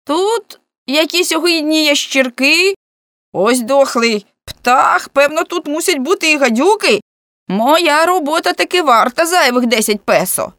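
A woman voicing a frightened, skinny young policeman who whines and haggles in a high, pleading voice. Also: lively intonation, a little slow, fairly bright tone, no echo, clean studio sound. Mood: whiny bargaining.

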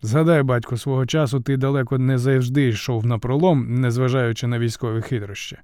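A man's voice: mid-range voice, fairly even intonation, fairly quick, mellow, smooth, no room sound, studio quality, close to an everyday voice. A man voicing a blunt, hotheaded male war god questioning his father's plan.

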